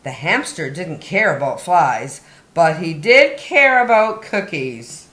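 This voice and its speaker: A story time host with a slightly low, somewhat bright voice reads slowly to young children, very animated and dramatically stressing key words. Her pitch swings widely, and the room around her sounds roomy and echoey.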